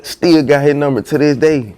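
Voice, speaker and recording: A young man with a fairly high but dark-toned voice speaks at a moderate pace, telling his story as a rapper guesting on a podcast. The casual storytelling interview is loose and slangy, peppered with "you know what I'm saying."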